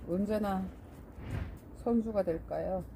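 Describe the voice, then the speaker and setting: A middle-aged woman with a medium-pitched, mellow voice and some vocal fry speaks slowly as she plants in a greenhouse. It's a casual vlog about her succulents where she chats to viewers, captured in a low-quality recording with slight background noise.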